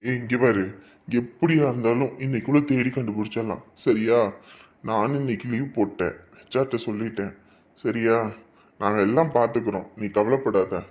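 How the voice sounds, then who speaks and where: A man's voice: medium pitch, normal speed, darkish tone, natural voice. A man playing a loyal friend and coworker who reassures his grieving buddy in a brotherly way. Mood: reassuring.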